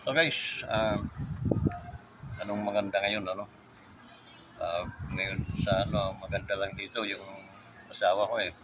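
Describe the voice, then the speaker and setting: Man, vlog host, rather low voice, a bit hoarse, rambling jokey chat. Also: fairly even intonation, a little slow, pauses often. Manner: joking, rambling, tags phrases with 'no?'. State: a bit hoarse after a recent illness. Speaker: motovlogger host. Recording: vlog with loud background noise.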